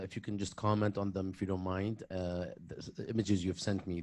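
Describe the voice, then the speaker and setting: A male moderator with a very low voice guides a video-call panel politely, halting and filling gaps. The sound is dry and close. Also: darkish tone, dry recording. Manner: polite, halting, many fillers.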